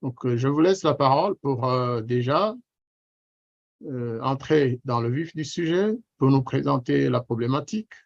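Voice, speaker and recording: A man's voice: mid-range voice, a little slow, vocal fry. Formal male radio host. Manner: formal, welcoming, with fillers. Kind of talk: radio interview. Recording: dull, lo-fi sound.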